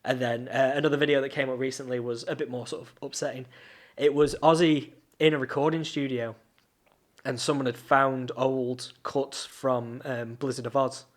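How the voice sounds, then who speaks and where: A man's voice: medium pitch, little pitch movement, normal speed. A man co-hosting a podcast, telling stories in casual chat with lots of restarts and fillers. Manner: rambling storyteller with many restarts. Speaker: podcast co-host.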